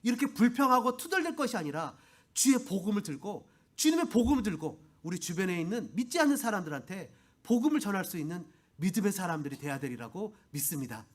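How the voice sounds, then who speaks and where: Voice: mid-range voice, very animated, quick pace. A pastor giving a Sunday sermon and leading prayer, fervent and exhorting, with many rhetorical questions. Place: church sanctuary.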